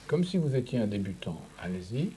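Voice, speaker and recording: Patient male speech therapist, lively pitch. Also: brisk, a little hiss or hum. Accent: French. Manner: patient, encouraging, repeats "vous voyez" often. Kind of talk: coaching a patient through voice exercises.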